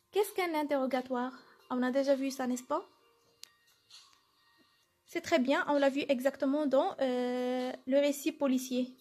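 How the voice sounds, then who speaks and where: A French teacher with a high, slightly mellow voice gives a classroom lesson, explaining step by step and answering her own questions.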